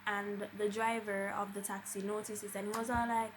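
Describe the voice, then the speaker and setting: A young vlogger with a Jamaican accent shares a personal story at a moderate pace, her mid-range voice showing little pitch movement amid background noise. She tells it casually and dramatically, dipping into Patois and acting out quoted speech.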